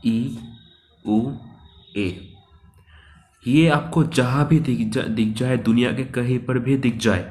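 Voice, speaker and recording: A man's voice: mid-range voice, a little hiss or hum. A male teacher explaining English articles and pronunciation, repeating words and asking the viewer questions. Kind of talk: classroom grammar lesson.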